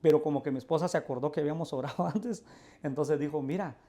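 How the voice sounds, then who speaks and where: A male pastor tells his testimony earnestly in a fairly high, fast, mellow voice. He's an earnest storyteller who acts out the voices of the people he quotes.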